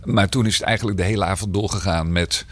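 This mayor's podcast interview finds him with a slight cold and rough throat, hesitating and restarting, with plenty of fillers. His voice sits low and moves quickly, and the recording is dry.

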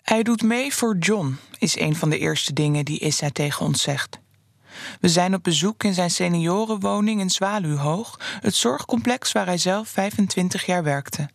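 Measured storytelling narrator, dry close sound. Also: medium pitch, creaky, dry recording. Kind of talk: scripted narration of a fiction series.

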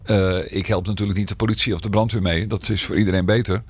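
Speaking fast in a lowish, slightly rough voice with a steady tone, a mayor gives a podcast interview while suffering a slight cold and rough throat. He hesitates often, with fillers and restarts, and the recording has no room sound.

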